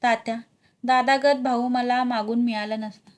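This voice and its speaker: A woman's voice: a little high, fairly even intonation, normal speed, lightly acted. Storybook role: young rural farmer in grief, read by a woman, plaintive. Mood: grieving. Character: young male farmer, grieving and anxious.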